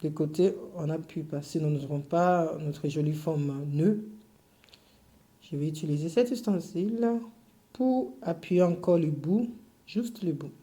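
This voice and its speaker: Woman, English accent, low voice, soft mellow tone, hesitant with filler sounds, patient step-by-step tutorial. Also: unhurried. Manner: patient, detailed explaining. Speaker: cake decorating teacher.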